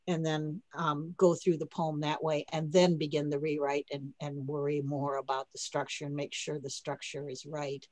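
A woman with a lowish voice leads a poetry workshop in a chatty, thinking-aloud way, often restarting her sentences. Her voice is picked up dry and close, with almost no room sound, through a computer mic on a video call. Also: little pitch movement, moderate pace, hardly any pauses, darkish tone, no room sound, low-quality recording. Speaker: poet leading a writing workshop. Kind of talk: casual teaching talk.

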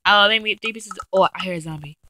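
A woman giving casual, chatty gameplay commentary, talking straight to her viewers and getting excitable and easily frightened as she plays. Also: medium pitch, fast talker, no room sound. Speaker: let's play gamer.

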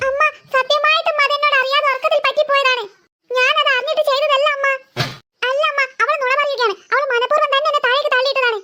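A woman's voice: very high voice, steady tone, fast talker, sharp tone. A woman voicing two little cartoon sisters who bicker and tattle. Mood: whining. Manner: whiny, quarrelsome bickering.

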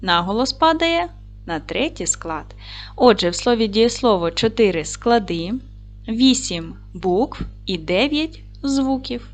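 A woman gives a video lesson to young schoolchildren. Her pitch moves a lot, and she speaks clearly and slowly with encouraging praise. Faint music plays underneath. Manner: clear, slow, encouraging classroom delivery. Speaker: primary school teacher.

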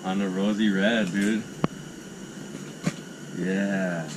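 A young man with an Upper Midwest accent talks slowly in a lowish voice while he ice fishes outdoors at night. He keeps exclaiming over his catches. An action camera on the ice records him, with steady noise behind him. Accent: Upper Midwest American. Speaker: fishing vlogger. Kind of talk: casual outdoor commentary. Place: frozen lake outdoors at night.

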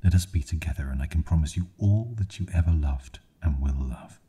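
A man's voice: a bass voice, a little fast, warm tone, breathy edge, exaggerated voice. A man whispering as a jealous hooded stranger. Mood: menacing. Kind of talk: ASMR storytelling.

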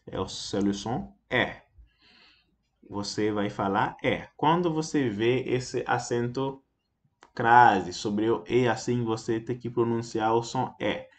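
Speaking slowly in a mid-range voice, a man gives an explanatory lesson on basic French pronunciation. He repeats example words and keeps checking in with "ok?".

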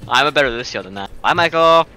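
A man's voice: medium pitch, expressive, quick pace, bright, forceful tone. A young man in casual gaming banter, a mocking, hyped gamer bro who swears and fires off repeated words. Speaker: gamer, co-player.

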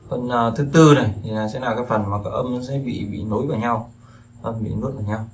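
A man's voice: medium pitch, fairly quick, a little hiss or hum. A man teaching a language lesson in a casual, rambling way, with many fillers and repeated words. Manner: relaxed, rambling, with frequent fillers and repetitions. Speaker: Chinese teacher.

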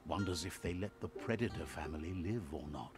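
A man voicing a game's storybook narrator who relays a creature's words in calm, scripted narration. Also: sits low, brisk, close to an everyday voice. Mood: solemn. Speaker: game narrator. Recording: music behind.

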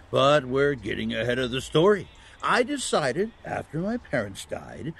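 An actor playing a kindly, patient old Saint Nicholas as Santa in a family audio drama, telling stories with a gently halting, chuckling manner. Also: male voice, mid-range voice, vocal fry, slight background noise. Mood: gently explaining.

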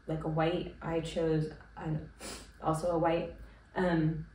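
Her voice fairly low in pitch, a congested, sick woman in her thirties chats casually to a distant camera as host of her knitting podcast, recorded in a small room at home. She rambles in a relaxed manner, using um and like a lot. The camera audio sounds roomy and distant, with slight background noise.

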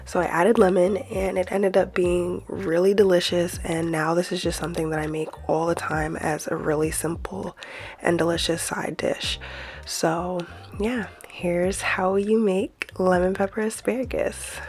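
A woman's voice: on the low side, flat delivery, a little slow, darkish tone, faint music behind. A woman hosting her own cooking channel, talking through a recipe in a friendly, easygoing voice-over.

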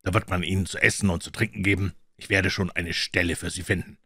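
A man reading the lines of a nervous elderly country gentleman in a storybook, speaking in a startled, hurried way. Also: deep voice, steady tone, breathy edge, dry recording, heavily acted. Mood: uneasy.

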